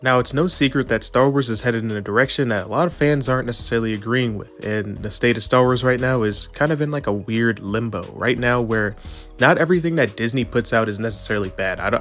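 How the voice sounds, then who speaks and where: A video commentator with a medium-pitched, somewhat bright voice sounds stuffy and nasal from allergies. He offers earnest, rambling opinions and keeps restarting his sentences.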